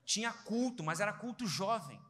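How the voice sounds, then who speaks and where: Guy preaching fast and funny, high bright voice, acts out the back and forth, big echoey hall. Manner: animated, quotes family in quick dialogue. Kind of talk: humorous sermon storytelling.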